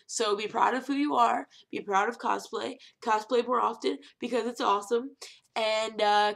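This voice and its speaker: A young woman talking casually to camera in a vlog, animated and rambling, with emphatic rhetorical questions. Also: fairly high pitch, gravelly. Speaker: vlogger.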